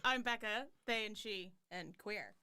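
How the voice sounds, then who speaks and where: A woman co-hosting a casual livestream show, playful and quick with a joke. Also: mid-range voice, pushed and bright, clean tone. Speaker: co-host.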